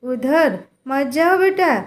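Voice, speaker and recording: A woman's voice: high-pitched, slow pace. A woman voicing a teasing, practical village boy in a storybook tale, talking in a scolding, matter-of-fact way. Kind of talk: storybook character voice.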